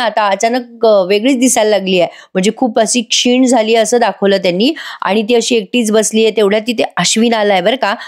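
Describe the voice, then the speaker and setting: A woman's voice: fairly high pitch, a little mellow. A woman with a Marathi accent giving a chatty voice-over review of a TV serial, often turning to her viewers. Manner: chatty, addresses viewers with tag phrases.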